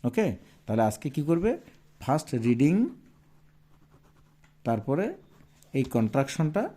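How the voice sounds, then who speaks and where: A man's voice: mid-range voice, expressive, unhurried, mellow. A man teaching a primary school English lesson, patiently asking his pupils questions and repeating each answer. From Bangladesh.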